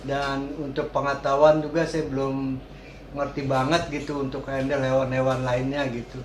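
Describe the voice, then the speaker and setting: A man who owns a cat boarding and grooming business answers interview questions casually, repeating words and affirmations often. His voice is medium-pitched, flat, and at a normal pace. The room echoes, and background noise is clearly audible.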